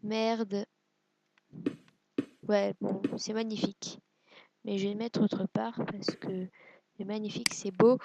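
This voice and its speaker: A woman's voice: medium pitch, little pitch movement, slow pace, vocal fry, long pauses, dull audio, noisy background. A woman giving casual gameplay commentary, hesitant and self-deprecating, musing aloud with lots of fillers. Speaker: let's play gamer.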